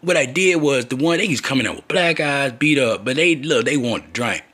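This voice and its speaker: A man's voice: medium pitch, lively intonation, brisk, fairly bright tone, slightly rough. A man telling long, rambling personal stories in a loose, profane, digressive way, often acting out the voices of the people in them. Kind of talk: rambling personal storytelling monologue.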